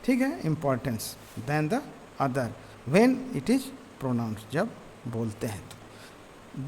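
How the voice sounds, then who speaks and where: A man teaching a lesson, reading English lines slowly word by word and explaining each one. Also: a little high. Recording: roomy reverb with faint noise.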